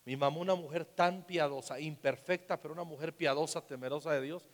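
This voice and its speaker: Speaking fairly quickly, a man with a Mexican Spanish accent preaches as a pastor in a fairly high voice. His sermon includes a personal story, and he often drops to a soft hush. His words echo with a long, large-hall reverb.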